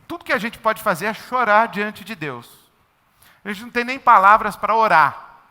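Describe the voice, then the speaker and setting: High, bright Brazilian preacher. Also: male voice, in a large hall. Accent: Brazilian Portuguese. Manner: emphatic, repetitive, conversational preaching. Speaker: pastor. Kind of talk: sermon.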